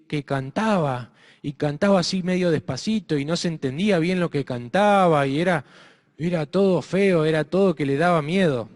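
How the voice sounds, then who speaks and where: A man with an Argentine accent telling a story to children, expressive and asking his listeners questions. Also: on the high side. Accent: Argentine Spanish. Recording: reverberant hall.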